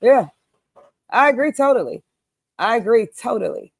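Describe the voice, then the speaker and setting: A woman in her fifties hosting a casual group chat, emphatic and quick to laugh. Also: fairly high pitch, creaky, slightly rough. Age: 50s. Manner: animated, emphatic, laughs easily. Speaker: host.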